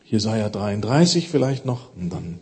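A man preaching a sermon, emphatic, pushing his voice up to stress key words and dropping low and quiet for solemn lines. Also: sing-song, normal speed, husky.

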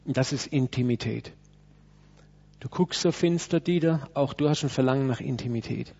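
A man preaches a sermon in church, speaking emphatically, acting out quotes and turning to address people in the room directly. His voice is mid-range, gravelly and darkish, at a moderate pace, on a dull lo-fi recording with a little hiss or hum.

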